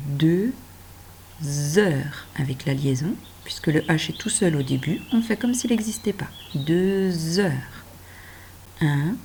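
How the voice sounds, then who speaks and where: Slow gentle woman teaching children. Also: lowish voice, slight background noise. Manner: slow, gentle, addresses the child directly, stretches words out. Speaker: primary school teacher. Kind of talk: reading and handwriting lesson for children.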